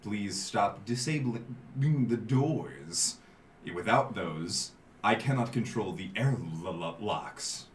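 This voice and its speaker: A man voicing a glitching ship AI that calmly pleads, speaking slowly and evenly. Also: on the low side, reverberant, a little hiss or hum. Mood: pleading.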